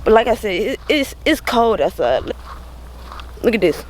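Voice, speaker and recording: A woman's voice: a little high, big pitch swings, normal speed. A woman chatting casually to a vlog audience, slangy and repetitive, her speech slightly impeded by a grill on her teeth. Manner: slangy, repeats words for emphasis. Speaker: vlogger. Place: outdoors, walking in snow. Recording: noisy windy outdoor recording. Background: wind and outdoor noise.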